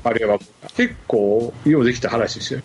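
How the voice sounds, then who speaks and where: A man with a Kansai accent co-hosting a casual film chat, relaxed and offhand. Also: mid-range voice, a little fast, a little hiss or hum. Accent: Kansai Japanese. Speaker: co-host.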